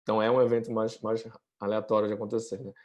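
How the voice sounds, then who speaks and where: A man, a guest chatting casually over a video call with many fillers. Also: lowish voice. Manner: fast, relaxed, many fillers. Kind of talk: casual interview chat.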